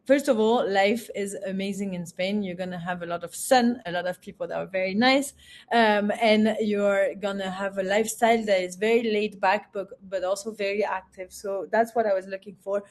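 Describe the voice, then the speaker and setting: A woman from France, a university representative, giving a webinar presentation with many pauses, fillers and restarts. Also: medium pitch, fairly even intonation.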